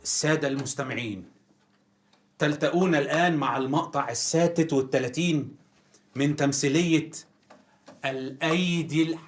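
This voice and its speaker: A man's voice: a little high, moderate pace, pauses often, close to an everyday voice. An actor playing a 1940s radio announcer who narrates a drama theatrically, with an Egyptian accent and impatient asides to his crew. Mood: measured. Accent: Egyptian Arabic. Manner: theatrical, snapping orders in asides.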